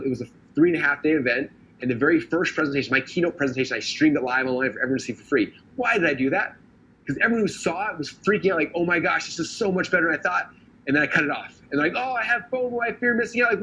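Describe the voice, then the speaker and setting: A man giving a recorded training talk in a fast, casual, enthusiastic way, full of "okay" and "like". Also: medium pitch, a bit bright. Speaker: business trainer. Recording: dull lo-fi audio, faint noise.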